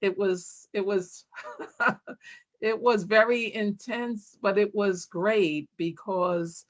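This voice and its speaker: A woman track coach recounting memories on a video call panel, in a measured way. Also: medium pitch, steady tone. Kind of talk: personal storytelling on a panel.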